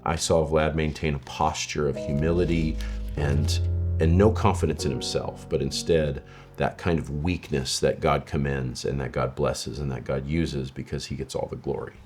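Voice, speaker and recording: A man's voice: rumbling low, steady tone, moderate pace. A man, a pastor, speaking in an emphatic, preacherly way. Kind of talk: testimony interview. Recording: music bed under voice.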